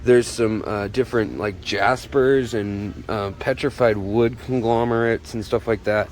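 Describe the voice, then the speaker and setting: A man's voice: fairly low pitch, fairly even intonation, a little slow. A man hosting a casual, chatty walk-through vlog, his voice slightly muffled by a face mask, as he shows viewers around a shop. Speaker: host of a shop tour video. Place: inside a pet shop, walking around. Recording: clear background noise, store ambience.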